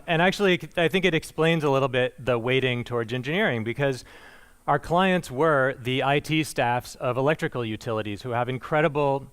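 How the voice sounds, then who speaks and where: A man's voice: mid-range voice, a bit bright, clean tone. A man giving a conversational conference presentation, with frequent fillers and restarts and a dry, self-deprecating humor. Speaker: conference speaker.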